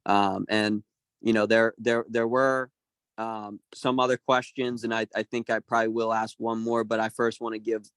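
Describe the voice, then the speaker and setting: A man's voice: lowish voice, level tone, moderate pace, a bit bright, clear, resonant tone, no room sound, rough recording. A man moderating a community meeting, talking casually with many fillers and a friendly, hesitant manner.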